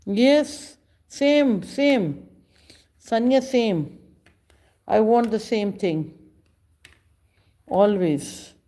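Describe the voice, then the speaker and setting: A woman, chatting casually with viewers on a livestream in slow, halting speech with many pauses. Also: on the high side, dark tone. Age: 50s. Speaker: livestream host. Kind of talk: casual live chat with viewers.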